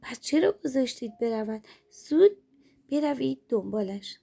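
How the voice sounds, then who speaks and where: A haughty rose flower barks orders in a demanding, bossy tone, as a woman storyteller puts her on. The voice is warm and gravelly with a breathy edge. It sounds like a figure from a children's storybook read aloud. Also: mid-range voice, animated. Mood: angry, commanding. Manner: commanding, later pleading.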